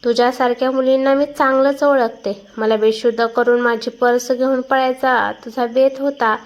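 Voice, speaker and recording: A woman reading a story aloud and voicing an angry older mother who shouts accusations. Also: high-pitched, little pitch movement, normal speed, muffled recording, close to an everyday voice. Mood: furious.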